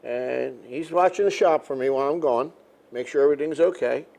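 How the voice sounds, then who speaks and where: A man's voice: medium pitch, a little fast, vocal fry, a little mellow. An older man, a machinist, explaining step by step in a plainspoken, casual way. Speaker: machinist demonstrating his lathe. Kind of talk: casual shop demonstration. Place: indoor home machine shop. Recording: noisy machine shop background. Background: running machinery noise.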